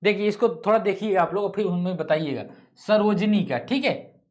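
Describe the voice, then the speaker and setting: A man's voice: sits high, normal speed, darkish tone. A male teacher leading an online test-solving class, repeating each question, thinking aloud, correcting himself and tossing casual asides to students. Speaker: exam-prep teacher.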